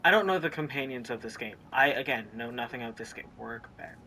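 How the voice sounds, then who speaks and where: A gaming streamer does let's play commentary at a medium pitch and a fairly quick pace, excitable and rambling. Between reactions he reads the game's text aloud. There is a little hiss or hum.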